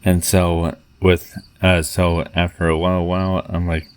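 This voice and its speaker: A man with a very low voice tells a long personal story, stumbling through fillers and restarts. His delivery stays level and monotone. Faint crickets chirp in the background. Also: smooth. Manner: halting, many fillers and restarts. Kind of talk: rambling personal story, reading out chat messages.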